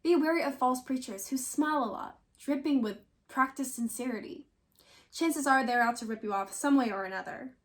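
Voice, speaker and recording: Reading scripture aloud at a normal speed, a woman with a distinctly high-pitched voice delivers a prepared recitation from written text.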